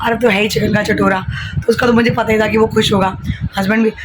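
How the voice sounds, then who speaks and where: A slightly hoarse woman in her thirties talks casually into a handheld phone while cooking, mixing in English phrases. Her voice sits fairly high. Plenty of household noise runs behind her. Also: fairly even intonation, fast talker. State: hoarse from shouting. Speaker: vlogger and home tutor. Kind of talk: casual chatty home vlog. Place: home kitchen.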